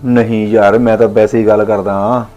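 An actor playing the brother of the house, friendly and quick to smooth over family quarrels. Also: male voice, lowish voice, level tone, dark tone, lo-fi sound, faint music behind, natural voice. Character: older brother of the house, hearty and placating. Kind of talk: village family drama acting.

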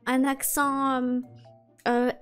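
A woman's voice: sits high, level tone, slow, a bit bright, clean tone, soft background music. Woman voicing Emily, an eager foreign newcomer. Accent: foreign accent, put on. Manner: earnest, chatty, enthusiastic. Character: eager, naive foreign woman newly posted to an office. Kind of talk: amateur game role-play voice acting.

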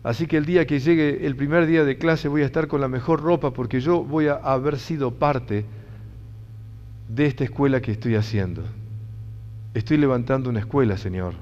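A man's voice: medium pitch, moderate pace, close to an everyday voice. A man voicing a proud humble bricklayer. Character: proud humble male bricklayer, joyful and gentle. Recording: dull sound, long hall reverb.

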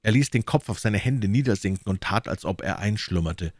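A man narrating a classic novel as an audiobook in a measured, even reading. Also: on the low side, dry recording, studio quality. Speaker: audiobook reader.

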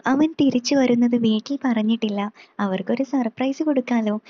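A woman reading a story aloud in a steady, plain way. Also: fairly high pitch, moderate pace, no room sound, lo-fi sound.

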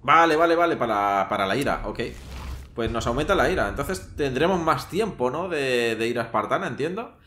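In a roomy recording with a little noise, a gameplay streamer talks to his audience during a casual let's-play. His mid-range voice is expressive, fairly quick, bright, and forceful.

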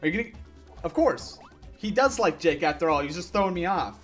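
A young man giving gameplay commentary, ranting and yelling at the game in frustration. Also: high voice, expressive, brisk, faint music behind. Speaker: gaming YouTuber.

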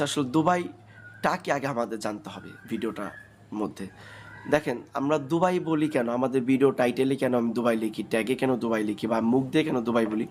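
A man with a Bangladeshi Bengali accent talks straight to his viewers in a casual vlog. His pitch sits at an ordinary middle level. He circles back over his points and fills the gaps with "uh", with faint ambience behind him. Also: a little hiss or hum. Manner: rambling, repeats himself, frequent "uh" fillers; addresses viewers directly, defensive about critics. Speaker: channel host.

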